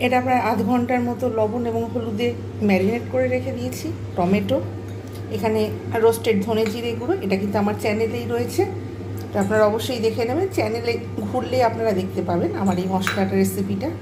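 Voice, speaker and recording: A hoarse woman with a cold, hosting a cooking channel and explaining each ingredient and step as she cooks. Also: on the high side, steady tone, fast. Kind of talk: casual cooking demonstration. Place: home kitchen, cooking at the stove. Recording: noisy kitchen with frying sizzle.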